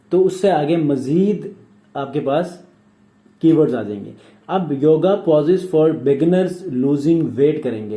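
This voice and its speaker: A man with a Pakistani Urdu accent teaching a screen-recorded software tutorial, walking through steps and checking in with viewers often. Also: on the high side. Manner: explanatory, repeats "theek hai" checks. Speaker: tutorial instructor. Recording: echoey room.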